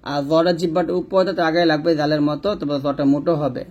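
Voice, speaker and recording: A man teaching Quran reading, explaining tongue placement and then slowly drawing out each letter sound for the learner to copy. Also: fairly high pitch, steady tone, a little mellow, highs cut off. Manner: slow, drawn-out syllable demonstrations between brisk explanations; repeats letter sounds patiently, addressing the learner directly. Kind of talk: step-by-step pronunciation lesson.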